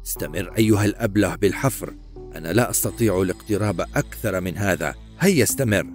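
Sly old male demon, hissing and quiet, low and mocking, voiced by a man. Menacing storybook villain. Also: lively intonation, quick pace, soft background music. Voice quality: hissing, whispery.

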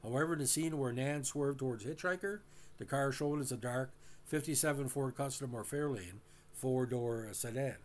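A man talks through a classic TV episode, stopping often on "uh" and restarting his sentences. His voice sits at an ordinary middle pitch, and he speaks casually, now and then addressing the audience. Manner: halting, many uh fillers and restarts; addresses listeners directly. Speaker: host. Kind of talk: casual recap and commentary.

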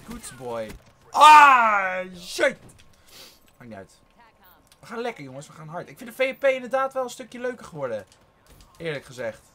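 A man giving rambling live gameplay commentary from his bedroom, voice a little strained, with excited outbursts and swearing. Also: mid-range voice, a little hiss or hum. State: slightly strained voice. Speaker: gaming YouTuber. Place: his own warm bedroom.

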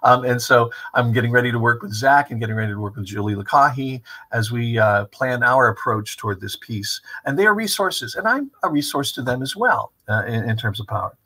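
A man in his fifties with a husky voice gives an informal online lecture in a rambling, reflective, professorial way. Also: mid-range voice, fairly quick, hardly any pauses, pushed and bright, low-quality recording. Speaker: theater director giving a talk. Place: small room with brick wall and window, indoors.

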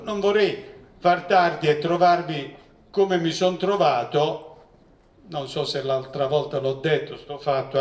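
A professor in his 60s, with a slightly high voice, tells funny stories during a humorous lecture before a seated audience in an event hall. He's a joking, lively storyteller who acts out voices when quoting, recorded from a distant mic in the echoey room.

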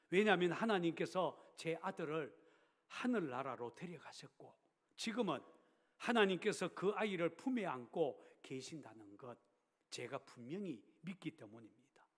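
A poor mother from a village, grieving yet calm and steadfast, tells her story quietly and plainly, voiced by a man in the middle of a sermon. The voice sits a little high. A long reverb rings around her as if in a church hall. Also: normal speed.

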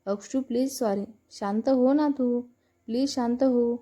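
Soft pleading girlfriend, read by a woman, warm mellow tone, slightly higher pitch. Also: unhurried. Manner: soft, coaxing. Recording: dull lo-fi narration with faint music.

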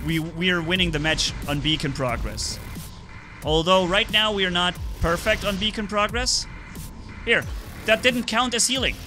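Bright excited male game streamer. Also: high-pitched. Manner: excited play-by-play with sound effects. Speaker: gaming streamer. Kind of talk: live gameplay commentary.

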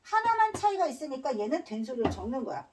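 A woman's voice: sits high, very animated, quick pace, distant mic, noisy background. A woman teaching a Korean grammar lesson, drilling students with repeated questions and slipping in casual slang. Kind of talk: classroom lecture.

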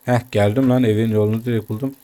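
A man's voice: fairly low pitch, steady tone, fast talker, dark tone. A man giving casual gameplay commentary as a gaming YouTuber, chatting to his viewers and grumbling and swearing at the game as he plays.

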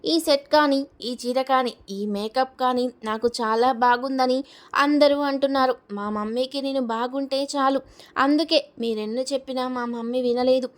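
A woman voicing a proud, sharp-tongued young bride in a storybook reading, blunt and defiant. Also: high-pitched, steady tone, moderate pace, lightly acted.

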